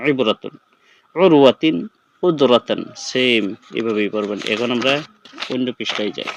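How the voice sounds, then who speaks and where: A man teaching Quran reading in a slow, repetitive lesson, spelling out letters and vowel sounds one by one. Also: medium pitch, no echo. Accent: Bangladeshi Bengali. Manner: spells out letters and sounds slowly, repeating drills. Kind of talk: step-by-step recitation lesson.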